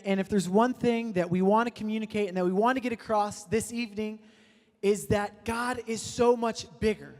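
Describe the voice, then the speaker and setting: A man's voice: a little high, warm tone. A young man in his twenties gives a casual, joking storytelling sermon full of fillers. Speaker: speaker at a youth prayer service. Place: church hall. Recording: long reverb of a hall.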